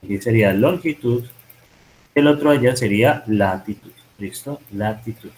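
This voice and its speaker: Guy coding live and talking it through, fixes himself as he goes, normal pitch, bit of hiss behind. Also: moderate pace, a little mellow, poor audio. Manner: thinks aloud, self-correcting while typing code. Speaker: programming instructor.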